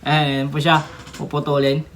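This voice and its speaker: A young woman giving casual unboxing commentary on a figure, chatty, with excited exclamations and little giggles. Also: low voice, normal speed, a little hiss or hum. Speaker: toy reviewer.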